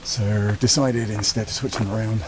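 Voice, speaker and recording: A man's voice: on the low side, fairly even intonation, moderate pace. A British man chatting casually to camera as a running vlogger. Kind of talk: casual vlog chat to camera. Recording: noisy vlog recording with clicks.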